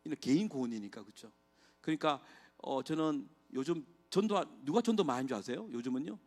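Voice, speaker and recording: A man's voice: mid-range voice, animated, fairly quick, darkish tone. A middle-aged man, a pastor, giving an impassioned testimony sermon in a church and asking the congregation rhetorical questions. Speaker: guest pastor. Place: church sanctuary.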